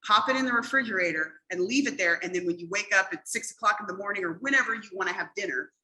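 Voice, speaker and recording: A woman's voice: medium pitch, fast talker, pushed and bright, poor audio. A middle-aged woman leading a cooking demonstration in a casual, chatty way, explaining each step and often checking in with "okay?". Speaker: cooking class instructor.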